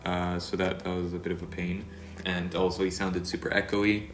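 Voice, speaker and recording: Casual podcast co-host, male, very deep and nasal, stuffy with allergies, rambles through fillers and restarts; echoey room. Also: flat delivery, moderate pace, soft background music.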